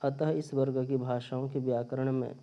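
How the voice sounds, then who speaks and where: A man's voice: medium pitch, level tone, normal speed, warm tone. A man teaching a recorded grammar lesson, explaining step by step and repeating his points. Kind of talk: recorded linguistics lecture. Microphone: phone or screen recorder.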